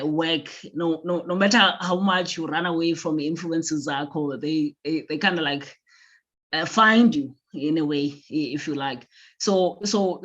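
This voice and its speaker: A South African woman with a Xhosa accent, a guest author chatting casually in a mix of two languages, haltingly and repeating words. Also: deep voice. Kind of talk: casual conversation, mixing English and isiXhosa. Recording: dull, lo-fi sound.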